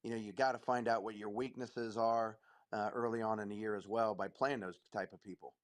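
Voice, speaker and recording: Male coach, mid-pitched, steady and measured, restarts phrases. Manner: measured, repeats phrases while thinking. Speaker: high school basketball coach. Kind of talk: interview guest.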